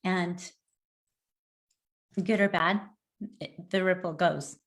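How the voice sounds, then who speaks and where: A woman's voice: fairly low pitch, steady tone, slow. Gushing woman podcast host. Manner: gushing, effusive, lots of "like". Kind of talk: casual chat.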